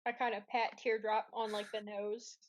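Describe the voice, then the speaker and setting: A woman playing a tabletop game in a playful, animated way. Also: medium pitch, normal speed. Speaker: player. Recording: muffled lo-fi mic.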